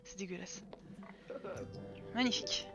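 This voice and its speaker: Playing a life-sim game live, a woman offers casual commentary full of swearing and talks to her characters. Her mid-range voice is creaky and measured in pace, with music in the background. The stream audio is dull and lo-fi.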